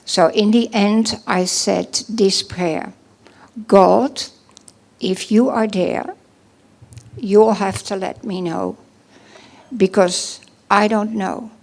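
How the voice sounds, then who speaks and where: With a steady, darkish medium-pitched voice, a middle-aged Dutch-accented woman from the Netherlands offers a personal testimony during a church service. She falters as she goes, with lots of pauses and restarts.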